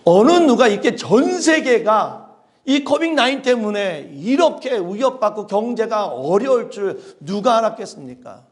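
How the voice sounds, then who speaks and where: A middle-aged male pastor preaching a sermon, dramatic and full of rhetorical questions, swinging between loud emphasis and hushed asides. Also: sits high, sing-song, normal speed. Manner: asks the congregation rhetorical questions.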